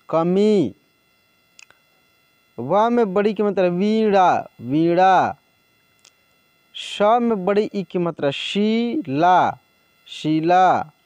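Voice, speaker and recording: A man teaching Hindi reading, saying each word twice in a drawn-out way and then explaining in quick chatty asides. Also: sits high, darkish tone, dry recording.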